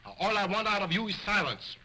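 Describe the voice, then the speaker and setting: An actor playing a pompous, egotistical stage ventriloquist in a 1920s film, grandiose and self-important. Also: male voice, sits high, very animated, fast talker, bright, forceful tone, a little hiss or hum, full character voice, poor audio. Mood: scolding. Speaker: stage showman.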